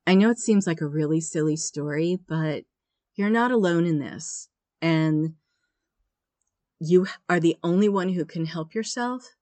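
A woman's voice: deep voice, a little slow, darkish tone, dry recording. A woman hosting a podcast, talking in an earnest, encouraging way. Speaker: podcast host. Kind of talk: motivational podcast talk.

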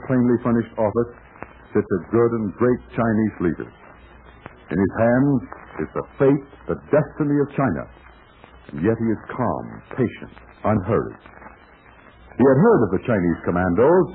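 A man announcing and narrating a 1940s radio serial, eagerly pitching to children. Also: very animated, moderate pace. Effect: old-time radio broadcast sound. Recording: tinny lo-fi 1940s radio recording with faint hiss.

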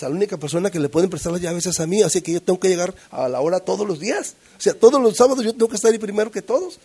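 A man's voice: creaky, dark tone, breathy edge. A middle-aged man tells a group his recovery story in a rambling way, full of fillers and tag questions, acting out the voices of people he quotes. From Mexico. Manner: acts out quoted voices with pitch jumps. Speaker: recovery group member sharing testimony. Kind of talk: personal testimony to a group.

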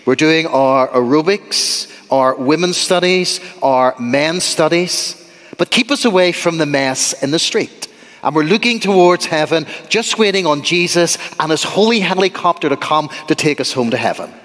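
A middle-aged man from Ireland with an Irish accent, preaching a sermon in a church with lively, humorous asides to the congregation. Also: fairly high pitch, normal speed. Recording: long church reverb.

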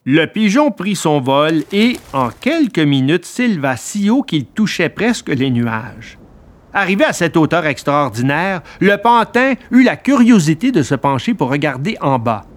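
A woman narrating a storybook reading in an expressive, animated way. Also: sits low, unhurried.

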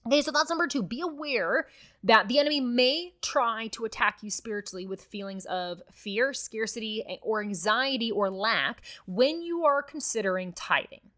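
Bright-voiced woman teaching Bible study. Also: on the high side, lively intonation, normal speed. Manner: conversational, earnest, many "like" fillers.

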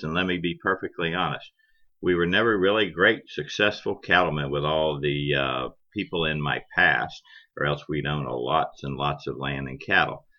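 A middle-aged or older man from Florida, a cattle rancher, explaining things conversationally in a plain-spoken, measured interview style. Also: rumbling low. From Florida, United States. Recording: dull lo-fi podcast audio.

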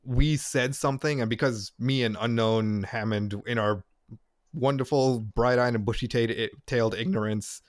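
Man, podcast co-host, halting rambler, slightly low voice, dry close sound. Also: fairly even intonation, no room sound. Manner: rambling, halting, searches for words. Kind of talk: casual podcast chat.

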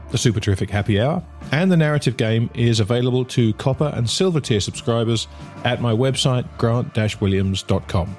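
A man's voice: mid-range voice, darkish tone. A man hosting a finance podcast, reading a polished scripted intro and then interviewing a guest. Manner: polished, measured delivery. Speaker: podcast host.

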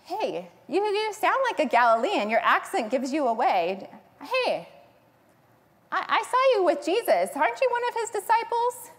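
A woman's voice: very high voice, sing-song, normal speed, voice pushed up. A woman preacher voicing a young servant girl who questions someone pointedly, in a sermon. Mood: accusing. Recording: long hall reverb.

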